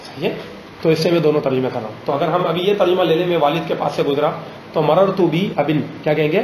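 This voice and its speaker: A man teaching a grammar lesson in a classroom, pausing often to ask students questions and slowing down on examples. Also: on the high side, a little mellow, slight background noise. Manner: drills students with frequent check questions; slows down to spell out example phrases. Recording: roomy classroom echo.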